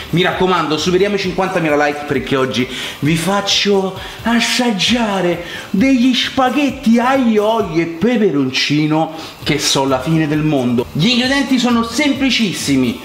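Casting: young male cooking vlogger, Roman Italian accent, higher-pitched voice, chatty and colloquial, echoey kitchen. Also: a bit bright, slight background noise. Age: young adult. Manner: colloquial, chatty, addressing viewers directly. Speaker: cooking vlog host. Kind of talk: casual cooking demonstration to viewers. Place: home kitchen, indoors. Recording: echoey room sound.

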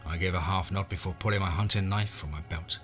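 A man's voice: low voice, steady tone, fast talker, a bit bright, faint music behind. A man narrating a scripted horror western in the first person, as a storyteller.

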